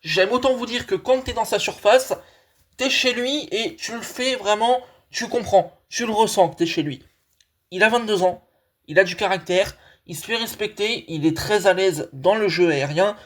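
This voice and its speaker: High-voiced chatty football analyst man. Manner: chatty, enthusiastic, addresses viewers as friends. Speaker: football channel host. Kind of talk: casual analysis monologue.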